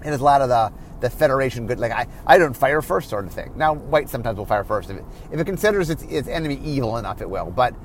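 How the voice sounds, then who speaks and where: A tired man, a card game designer, explaining his work in a solo podcast, often correcting himself and pausing with fillers. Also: mid-range voice, expressive, slight background noise. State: tired, yawning.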